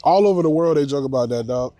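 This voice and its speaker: A man's voice: on the high side, expressive, fast talker, warm tone, no echo. A man, a stand-up comedian, chatting casually and loosely with slang while fishing outdoors. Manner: loose, slangy, laughs easily. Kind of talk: casual chat.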